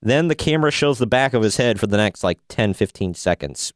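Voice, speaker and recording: Guy cohosting a podcast, snarky rambly recap, smooth voice. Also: lowish voice, lively intonation, fairly quick, no room sound, clean studio sound. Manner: sarcastic, rambling recaps with fillers. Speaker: podcast co-host. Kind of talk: casual review chat.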